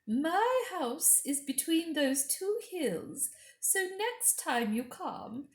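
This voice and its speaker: A woman voicing an imperious, falsely sweet witch queen from a storybook, with a grand, coaxing, drawn-out delivery. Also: very high-pitched, voice pushed up, heavily acted. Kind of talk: storybook character reading. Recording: echoey room.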